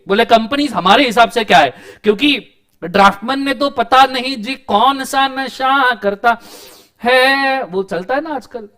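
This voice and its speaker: High-pitched, playful male law lecturer. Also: a bit bright. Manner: joking, theatrical teaching with mock sayings. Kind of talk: classroom lecture.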